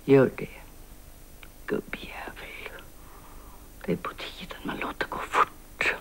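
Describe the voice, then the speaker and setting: An actress in her sixties playing a guilt-ridden older woman writer who makes a hushed, halting, often whispered confession in a TV drama. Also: close to an everyday voice. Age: 60s. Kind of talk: 1990s Swedish TV drama acting.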